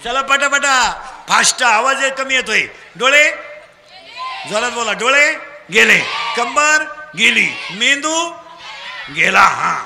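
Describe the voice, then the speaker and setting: A man with a Khandeshi Marathi accent preaching a humorous kirtan sermon, teasing and drilling children in call-and-response and shouting prompts at them. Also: very high-pitched, expressive, slow pace, creaky, in a large hall, noisy background.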